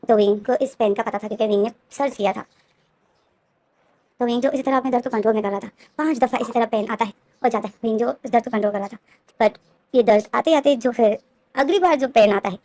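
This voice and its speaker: A woman races through a story's plot in casual, run-on sentences, repeating herself and stacking fillers. Her voice sits a little high and the recording is close and dry, with no room sound at all. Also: mellow, dry recording. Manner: rapid, run-on retelling with many fillers and repeats. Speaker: story narrator.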